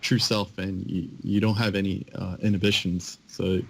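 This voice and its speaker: A man chatting casually as a podcast co-host, with hesitant, pausing phrasing. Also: low-pitched, little pitch movement, gravelly, fairly bright tone, rough recording. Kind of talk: casual chat.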